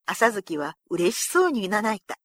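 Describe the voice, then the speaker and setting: A woman narrating a historical storybook in a measured, expressive way. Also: medium pitch, dry recording, clean studio sound.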